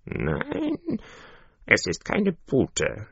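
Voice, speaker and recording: A man's voice: mid-range voice, huge pitch swings, very slow, vocal fry, slightly rough, dry recording, pitched above the performer's own voice, heavily acted. A man voicing a proud, protective mother duck in a fairy-tale reading, earnest and coaxing, on a dull, dry recording.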